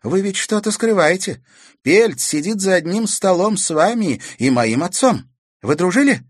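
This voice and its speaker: Man doing a teenage girl, calm, persistent, raised pitch, dry sound. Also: moderate pace, dry recording. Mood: probing. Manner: steady and probing.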